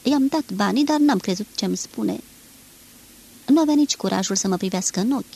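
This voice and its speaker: A woman reading the part of a weary, resigned man who speaks in a flat, neutral way in an audiobook. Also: high-pitched, gravelly, breathy edge, full character voice. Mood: flat recounting. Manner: flat, neutral, matter-of-fact. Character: weary middle-aged man, detached and resigned.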